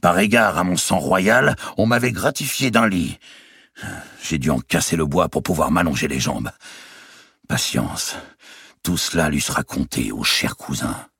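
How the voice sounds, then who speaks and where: A man voicing a brash, mocking giant of a royal nobleman, loud and bellowing in an audiobook reading. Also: extremely low pitch, lively intonation, measured pace, vocal fry, breathy edge, no room sound, studio quality, heavily acted.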